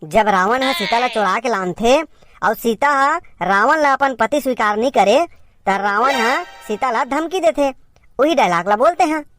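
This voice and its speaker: High-voiced Chhattisgarhi woman playing a bossy teacher. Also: a little slow, background noise. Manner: bossy teacher tone, scolding and directing. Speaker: comedy sketch performer playing a teacher. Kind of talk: scripted comedy sketch in Chhattisgarhi.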